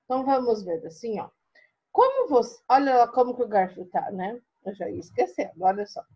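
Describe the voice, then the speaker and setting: A Brazilian woman teaching a primary school class in a recorded online lesson, patient and expressive, often checking in with her students. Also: a little high, brisk, breathy edge, lo-fi sound. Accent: Brazilian Portuguese.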